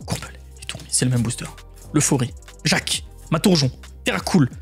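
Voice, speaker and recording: A man with a French accent talks his way through opening card packs, his pitch leaping high when a good card shows up and dropping to near-whispers when it doesn't. Soft music plays faintly behind him. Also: brisk. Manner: swings from hushed mutters to loud excited shouts. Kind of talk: excited commentary.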